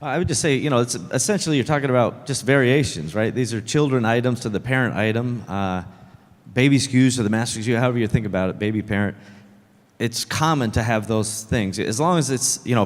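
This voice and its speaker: Give me a man on a panel giving relaxed, matter-of-fact advice, in a reverberant hall. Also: mid-range voice. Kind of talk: advising at a seller conference.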